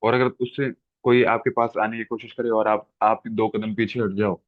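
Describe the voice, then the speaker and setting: A man's voice: fairly low pitch, level tone, normal speed, dry recording. A man teaching an exam-prep lecture, explaining with everyday examples and checking in often with his listeners. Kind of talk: classroom lecture. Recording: dry, phone-like narrow sound.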